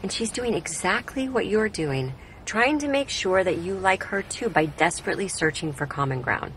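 An actress playing a determined, stubborn young former prosecutor in a naturalistic, earnest and conversational way. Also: female voice, medium pitch, animated, normal speed, fairly bright tone, slight background noise. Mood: playful, coaxing. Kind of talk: naturalistic TV drama acting.

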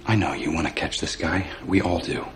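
An actor plays a gentle, caring man in a TV drama, worried for his friend. His voice is deep, and he speaks with soft, natural concern. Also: a little fast, music in the background, close to an everyday voice.

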